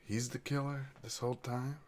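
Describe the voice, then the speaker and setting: A man's voice: medium pitch, level tone, normal speed, darkish tone. A man giving casual let's play commentary as a gaming streamer.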